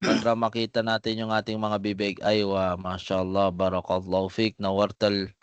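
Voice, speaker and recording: A man teaching the Arabic alphabet on a video call, patient and unhurried, calling on students by name. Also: lowish voice, completely flat delivery, clean tone, dry recording, muffled recording. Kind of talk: online class drilling letter sounds.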